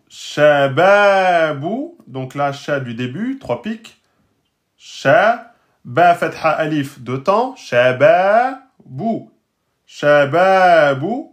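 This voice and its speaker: Male teacher, fairly high voice, slow patient syllable drills. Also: animated. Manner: sounds out words very slowly, raising his pitch; speaks straight to his students. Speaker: Arabic and Quran reading teacher. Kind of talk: recorded lesson.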